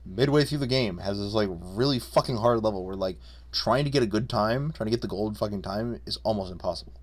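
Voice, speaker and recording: A young man rambles through an unscripted recap of the games he played, excitable and swearing freely. His voice sits fairly low, and he jumps from topic to topic with loud enthusiasm. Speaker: gaming video creator. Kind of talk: unscripted casual game recap.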